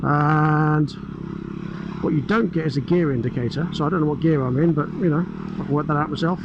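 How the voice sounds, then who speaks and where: A British man with a fairly high voice talks through a helmet mic as he rides, keeping up a chatty, enthusiastic running commentary. Engine rumble and wind noise sit clearly under his voice. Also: a little fast, muffled recording. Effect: speaking through a helmet mic while riding. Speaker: motorcycle reviewer. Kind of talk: riding commentary. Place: on a motorbike on open roads. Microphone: helmet-mounted mic.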